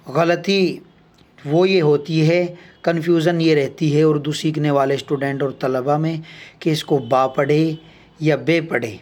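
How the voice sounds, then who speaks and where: Man, young adult, alphabet teacher, measured letter-by-letter recitation, slightly high voice. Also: a little mellow. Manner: slow, deliberate letter-by-letter recitation with explanations. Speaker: Urdu teacher. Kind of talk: alphabet lesson.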